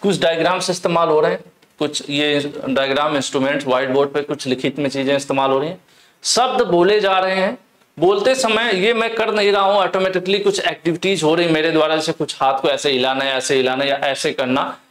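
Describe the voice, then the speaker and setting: A young man teaching an exam-prep lesson, explaining slowly, repeating key words and reading English questions aloud. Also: on the high side, fairly bright tone. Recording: echoey room.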